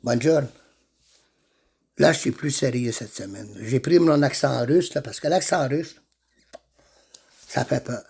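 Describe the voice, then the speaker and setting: A man doing a low Russian-accented Martian racer. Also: gravelly, husky. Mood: deadpan. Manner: slow, deadpan, swearing. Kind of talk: comedy character sketch.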